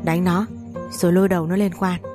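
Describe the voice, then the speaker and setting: A woman reading the part of a rough soldier who barks orders quickly. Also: lowish voice, level tone, music in the background, close to an everyday voice. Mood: aggressive. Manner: barking orders, brisk. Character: rough bullying soldier, male.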